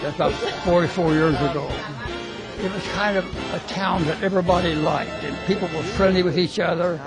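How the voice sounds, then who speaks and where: A man in his nineties from Indiana, speaking slowly and reflectively. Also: sits high, fairly even intonation, loud music behind the voice. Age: 90s. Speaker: birthday honoree.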